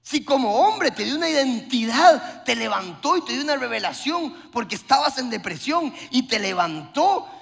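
A man's voice: very high-pitched, sing-song, normal speed, vocal fry, hardly any pauses, fairly bright tone. A man preaching a sermon with passion, acting out short dialogues. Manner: impassioned preaching with acted-out dialogues. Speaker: pastor. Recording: long hall reverb.

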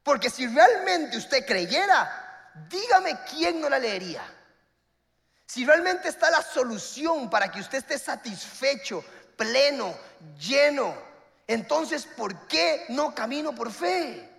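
A man, preaching a sermon and telling a funny personal story with animated, acted-out voices. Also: very high-pitched, slow pace, gravelly, in a large hall.

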